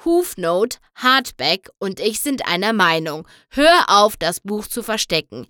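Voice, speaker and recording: A woman reading a storybook aloud and voicing a wise old stallion pony who talks with gentle, sorrowful persuasion. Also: mid-range voice, sing-song, measured pace, no echo, clean studio sound. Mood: sad.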